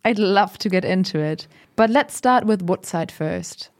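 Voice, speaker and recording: A woman playing a friendly, curious oral-history interviewer in an audio drama, asking questions in an encouraging, expressive way. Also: medium pitch, measured pace, close to an everyday voice. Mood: interested, engaged. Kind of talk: conversational interview acting.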